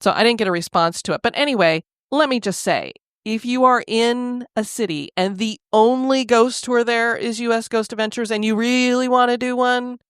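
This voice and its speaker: A woman's voice: on the high side, clean tone, dry recording, studio quality. A woman co-hosting a podcast, talking casually and candidly, telling stories in a chatty way. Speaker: podcast co-host.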